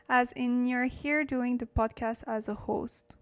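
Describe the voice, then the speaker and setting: Teaching Korean on a relaxed livestream, this woman, a native French speaker, talks in English with a fairly high, steady, unhurried voice. She works things out aloud, with fillers and frequent self-corrections.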